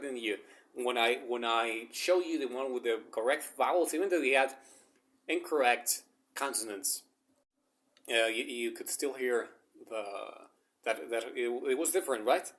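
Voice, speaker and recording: In a relaxed video lesson, a Spanish-speaking language teacher rambles playfully and chuckles at his own jokes. His voice is medium in pitch with a bit of brightness.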